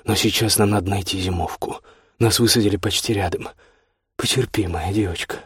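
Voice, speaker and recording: A man voicing a tough male pilot who speaks low and soothingly to a crying woman. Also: steady tone, a little fast, breathy edge, dry recording, clean studio sound. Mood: tender. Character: tough male helicopter pilot gone tender.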